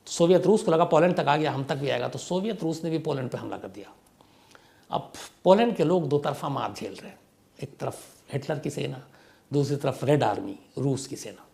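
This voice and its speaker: A man's voice: mid-range voice, creaky, darkish tone. A man narrating a history story in a conversational way, emphatic and asking rhetorical questions as he goes.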